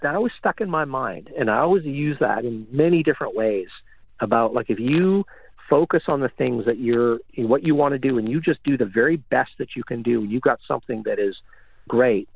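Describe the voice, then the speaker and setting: A man's voice: mid-range voice, animated, fairly quick, gravelly, husky, no echo. A man, a recording engineer guest, telling rambling stories full of fillers over a phone line. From Canada. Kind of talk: casual storytelling. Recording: tinny phone line, dry.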